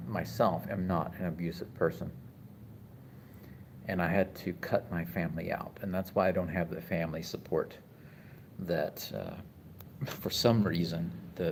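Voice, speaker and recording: A man in his forties talking casually on a live stream from a hospital room, reflective and halting with many restarts. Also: sits low, creaky, darkish tone, a little hiss or hum. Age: 40s. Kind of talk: casual live-stream talk reading chat.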